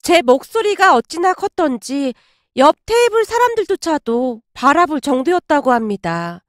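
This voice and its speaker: A woman's voice: high voice, very animated, moderate pace, no room sound, studio quality. A woman narrating a first-person story in a chatty recounting manner. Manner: chatty recounting with reported-speech endings.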